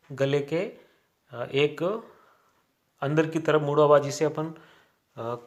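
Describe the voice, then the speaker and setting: A man teaching grammar at a college, speaking deliberately, spelling out sounds one by one and filling pauses with "a". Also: fairly high pitch. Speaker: college Hindi lecturer. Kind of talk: classroom grammar lecture.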